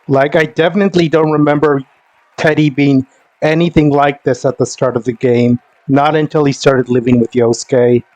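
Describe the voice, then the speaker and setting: A man's voice: medium pitch, steady tone, normal speed, darkish tone, no echo, low-quality recording. Man, game streamer, casual commentary, sardonic, exasperated, sweary, dry close mic. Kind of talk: casual commentary over gameplay.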